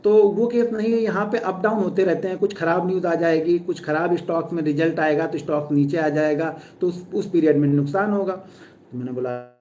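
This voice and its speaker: A man in his thirties from Uttar Pradesh, a stock trader chatting fast and earnestly with viewers on a live stream. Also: high voice, fairly even intonation, mellow, slight background noise. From Uttar Pradesh, India. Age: 30s.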